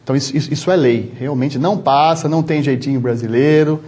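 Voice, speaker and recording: A man with a São Paulo interior Brazilian accent, a doctor answering interview questions in a measured, explanatory way with frequent restarts. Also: medium pitch, darkish tone, slight background noise. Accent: São Paulo interior Brazilian Portuguese. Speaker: travel medicine doctor, guest.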